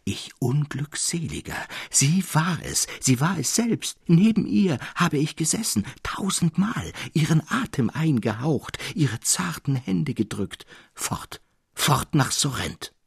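A man's voice: very animated, measured pace, darkish tone, husky, dry recording, clean studio sound, heavily acted. A man voicing Traugott, a young male painter in frantic despair, exclaiming in a raised voice. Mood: anguished. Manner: exclaiming, pitched high.

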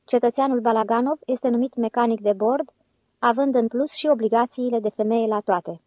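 Brief: woman reading male con man leader, solemn mock-official tone, higher voice, dry dull recording. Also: no room sound, natural voice.

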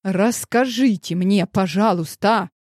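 A woman voicing a hot-tempered young male boss who speaks in slow, emphatic demands. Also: medium pitch, animated, no echo, clean studio sound, natural voice. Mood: agitated.

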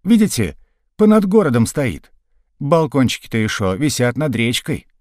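A man voicing a rough, crafty Cossack sergeant who talks in a folksy, mocking way. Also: mid-range voice, big pitch swings, normal speed, a little mellow, no echo, clean studio sound, close to an everyday voice.

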